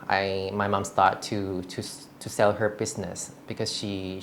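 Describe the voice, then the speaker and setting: Slow, halting woman from Thailand. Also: extremely low pitch, slight background noise. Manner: hesitant, halting, frequent restarts. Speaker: interview guest. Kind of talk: candid personal interview.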